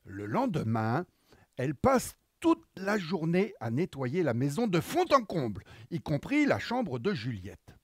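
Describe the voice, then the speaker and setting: A man tells a children's story in a high voice with lively swings of pitch. He takes his time, narrating in an animated style. The sound is dry and close. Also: a little slow, no echo.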